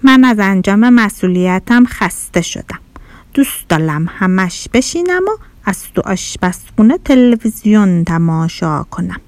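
A woman's voice: mid-range voice, big pitch swings, darkish tone, no echo, lightly acted. A woman voicing a grumpy, sulky washing machine. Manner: sulky, complaining. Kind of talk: storybook character voice.

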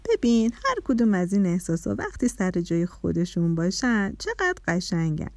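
Woman doing a gentle storybook dad. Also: very animated, no echo. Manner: lowered, slow and gentle. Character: kind, patient father explaining gently.

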